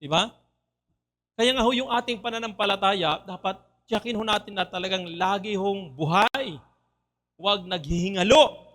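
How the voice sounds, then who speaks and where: High, bright Filipino preacher. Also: male voice, moderate pace. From Philippines. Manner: switches between Tagalog and English, asks the congregation questions. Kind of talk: sermon. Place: church.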